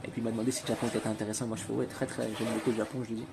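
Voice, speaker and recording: A man's voice: on the low side, little pitch movement, very fast, vocal fry, very noisy. A young man from Portugal vlogging his travels, chatting casually and jokingly to his viewers. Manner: slangy, joking, addresses viewers as "les gars". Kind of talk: casual vlog chat to camera.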